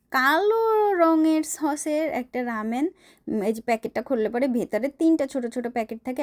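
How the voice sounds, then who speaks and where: A middle-aged woman from Bangladesh chatting casually as she cooks in her home kitchen, rambling and talking straight to her viewers. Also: on the high side. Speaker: cooking vlogger. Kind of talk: casual cooking vlog narration.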